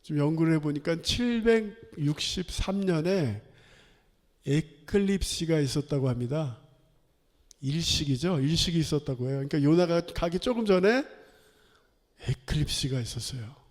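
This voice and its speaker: A man preaching a sermon as pastor, animated, acting out quoted voices and laughing often. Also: on the high side, moderate pace. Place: church sanctuary. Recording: long hall reverb.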